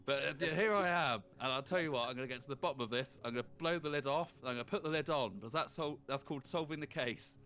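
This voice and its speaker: A man voicing a former accountant who is now a bumbling amateur sleuth, speaking in a deadpan way. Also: medium pitch, fast talker, hardly any pauses, close to an everyday voice. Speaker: player.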